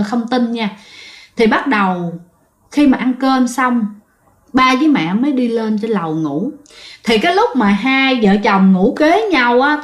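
Woman narrator, Southern Vietnamese accent, chatty storyteller who speaks to her listeners, slightly high voice, roomy echo. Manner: chatty, often addresses listeners directly. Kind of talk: casual spoken storytelling.

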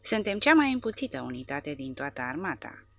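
A sour, complaining male soldier, as a woman reads him. His voice is low and gritty, and each line comes out bitter. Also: sing-song, creaky, a bit bright, dry recording, full character voice.

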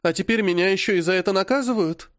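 A tearful teenage schoolgirl pleads in a high, quavering voice, as a man reading the story puts her on. She whimpers and begs, rising well above the reader's own pitch, and the sound is close and dry. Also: quick pace, no echo, natural voice. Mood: aggrieved.

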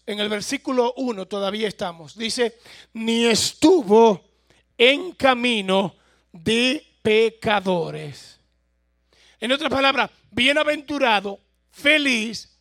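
A man's voice: very high voice, fairly bright tone. A pastor from El Salvador with a Salvadoran accent, preaching a sermon and questioning his congregation, with amens in between.

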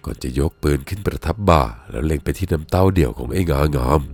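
A man narrating a first-person ghost story in a measured, solemn reading. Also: rumbling low, darkish tone, breathy edge. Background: faint music.

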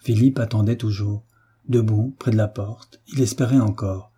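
A man narrating a classic novel in a measured, solemn way. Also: lowish voice, steady tone, mellow, breathy edge. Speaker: audiobook reader. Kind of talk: literary narration.

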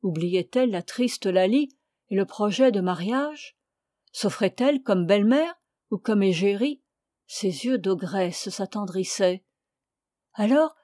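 A woman reading a classic novel aloud in a measured, expressive narration. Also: mid-range voice, no room sound, clean studio sound. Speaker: audiobook reader. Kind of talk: literary audiobook narration.

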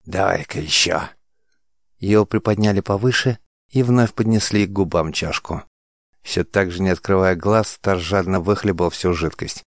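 A man narrating an audiobook in a measured, dramatic way. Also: sits low, dry recording, studio quality.

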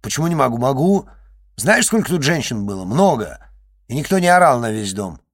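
A man voicing a loud, crude, spiteful schoolgirl who is stuck on a sofa and shouts and mocks in fast rants. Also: mid-range voice, big pitch swings, no echo. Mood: indignant.

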